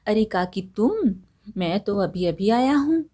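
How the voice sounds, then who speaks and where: A woman's voice: medium pitch, very animated, slow pace, warm tone. A woman voicing a cheating young village man who protests his innocence, in a storybook reading. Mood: defensive.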